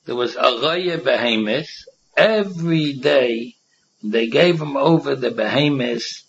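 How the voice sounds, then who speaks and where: Husky man teaching Talmud, Yiddish-inflected English. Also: mid-range voice, takes it slowly. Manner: sing-song explaining with repeated phrases and rhetorical questions. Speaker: religious teacher giving a Talmud class. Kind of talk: informal Talmud lesson, reading and explaining. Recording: dull, muffled lo-fi recording.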